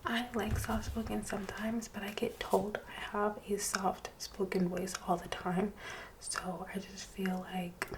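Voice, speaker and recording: A woman doing soft-spoken ASMR reading, drifting between a hushed voice and a whisper. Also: mid-range voice, little pitch movement, a little slow. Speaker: ASMR channel host. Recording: street noise in background. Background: street traffic.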